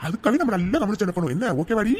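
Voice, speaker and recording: A performer voicing a sly, easygoing village husband in a cartoon who flatters and coaxes. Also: medium pitch, quick pace, a little hiss or hum, close to an everyday voice. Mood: coaxing. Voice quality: coaxing, flattering. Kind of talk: cartoon voice acting.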